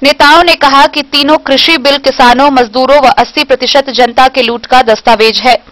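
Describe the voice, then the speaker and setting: A woman's voice: high voice, steady tone, moderate pace, fairly bright tone. A woman reading a scripted news report as a voice-over.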